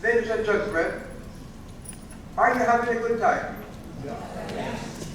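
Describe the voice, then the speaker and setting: A man's voice: very high voice, slow, background noise. A man hosting an event, addressing the audience in an emphatic, urging public speech. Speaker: event host. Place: large event hall. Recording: roomy hall from far off.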